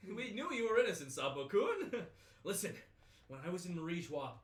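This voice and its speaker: A man voicing a calm young male revolutionary in a low, subdued reading voice, recorded in a roomy space. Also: normal speed. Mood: earnest.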